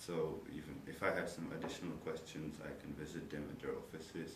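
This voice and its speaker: His bass voice shows little pitch movement and moves fairly quickly as this young Czech man, a native Czech speaker, talks about his university studies. He gives thoughtful interview answers in English, searching for words with nonnative phrasing. The sound comes from a distant mic in a noisy, echoey room.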